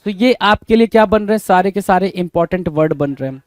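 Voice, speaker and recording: A man's voice: high voice, fairly quick, no echo. A man teaching English vocabulary in Hindi, drilling word lists and constantly asking questions, then answering them himself. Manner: quizzing, keeps asking "bhai?" then answering. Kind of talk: Hindi-English exam-prep lesson.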